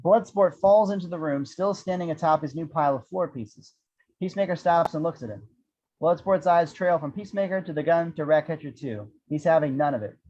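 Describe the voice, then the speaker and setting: The narrator, a man with a fairly high but darkish voice, reads action-script description a little fast during an amateur table read, punctuating it with wry, irreverent asides. Dull, lo-fi audio.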